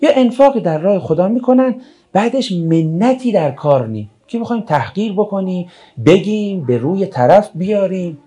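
A man's voice: high-pitched, expressive, dark tone, husky. A man giving a colloquial religious talk, retelling a story in a conversational way and acting out the dialogue. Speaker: religious speaker.

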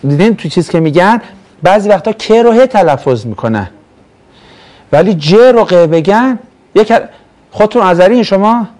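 A religious studies teacher from Mashhad, Iran, leads a classroom lesson on Quran verses, chatting, joking, and often putting questions to his students. His voice sits high and sounds animated and a little mellow.

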